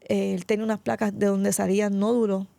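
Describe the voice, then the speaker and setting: Lady pastor, middle-aged, super gravelly mellow voice, telling her story all heartfelt and teary, dry close sound. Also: medium pitch, level tone, a little fast, no echo. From Puerto Rico. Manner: tearful, heartfelt storytelling, often addressing the host by name. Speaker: pastor, interview guest. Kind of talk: emotional personal testimony.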